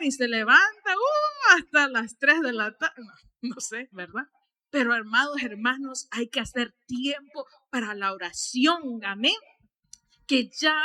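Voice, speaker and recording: In church, a female pastor delivers an animated sermon, her voice high and bright. Her preaching climbs into shouts, then falls to quiet asides, with frequent tag questions aimed at the congregation.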